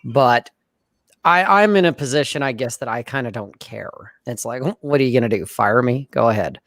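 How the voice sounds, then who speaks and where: A man co-hosting a casual video-call show, talking in a laid-back, blunt way and often clearing his throat. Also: medium pitch, animated, moderate pace, a bit bright, no echo, studio quality. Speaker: podcast co-host. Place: home room, indoors.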